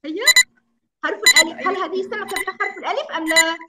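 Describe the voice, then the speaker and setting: A woman's voice: very high-pitched, very fast, heavy background noise. A woman teaching kindergarten children in an online class. She coaxes the children along and heaps praise on them. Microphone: video call. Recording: dull lo-fi online call audio.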